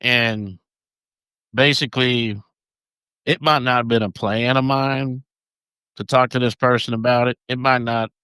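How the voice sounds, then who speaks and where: A man's voice: mid-range voice, steady tone, sharp tone, smooth, dry recording. A man with a Southern accent co-hosting a podcast, chatting casually and often restarting his words. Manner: halting, restarts words, loose. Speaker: podcast co-host. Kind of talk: casual chat.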